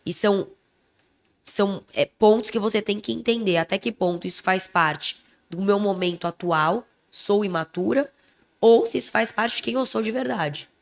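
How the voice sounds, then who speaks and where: A young woman with a Brazilian Portuguese accent co-hosting a podcast in casual chat, emphatic and expressive, a little under the weather. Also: mid-range voice, moderate pace, gravelly. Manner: expressive, emphatic, self-described loud voice. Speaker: podcast co-host.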